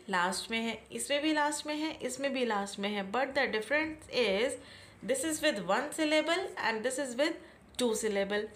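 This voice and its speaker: Indian lady teaching english, talks slow n patient, keeps asking questions back. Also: high voice, fairly bright tone, a little hiss or hum. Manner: slow, patient, repeats key points and asks questions back. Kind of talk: classroom-style explanation.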